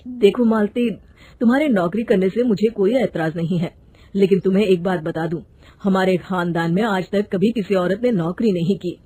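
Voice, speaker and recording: Woman voicing a calm young husband. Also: medium pitch, moderate pace, slightly rough, lightly acted.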